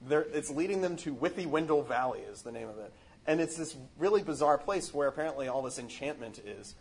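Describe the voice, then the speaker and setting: A man's voice: on the high side, expressive, fairly quick, gravelly, a little mellow, slightly rough. A man giving a casual, earnest spiritual reflection on a book, rambling with many fillers and restarts.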